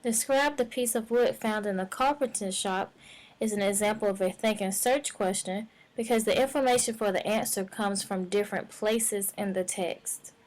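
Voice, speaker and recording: A woman teacher giving instructional narration in a clear, measured way. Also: medium pitch, darkish tone, poor audio.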